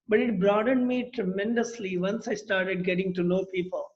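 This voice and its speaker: A man hosts a relaxed conversation in a noticeably high voice. His tone is inviting and easygoing, and the recording sounds slightly muffled, as if the highs were cut off. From rural India. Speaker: host. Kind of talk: casual conversation.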